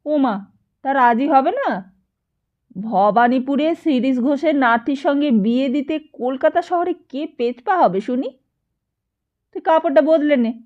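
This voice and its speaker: Woman doing a brisk, bossy older matchmaker. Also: sits high, narrow, tinny audio, pitched above the performer's own voice. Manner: brisk, dismissive, confident.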